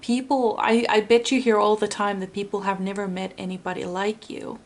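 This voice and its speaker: Her voice is mid-range with little pitch movement as she works through a pick-a-card tarot reading in English. The woman, from Finland and carrying a Finnish accent, speaks softly and earnestly, slow and searching, rephrasing often since English is her second language.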